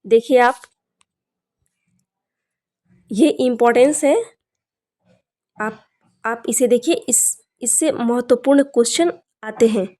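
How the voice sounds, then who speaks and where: A young woman teaching an exam-prep grammar lesson, speaking slowly and deliberately and often telling students to look closely. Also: on the high side, dark tone. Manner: slow, deliberate, repeats "dekhiye" often.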